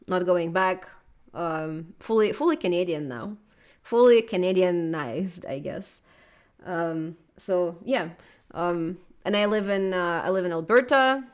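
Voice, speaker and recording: A YouTuber in her thirties from southern Russia is interviewed, chatting casually and hesitantly in a Russian accent with plenty of filler words. Her voice is lowish, clear, and resonant.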